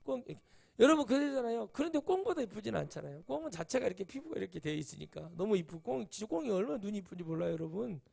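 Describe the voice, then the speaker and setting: A man's voice: high-pitched, big pitch swings, rapid-fire, gravelly, few pauses, darkish tone, breathy edge. A middle-aged male pastor giving a sermon, telling chatty stories and rising to emphatic exclamations. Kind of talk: sermon with anecdotes.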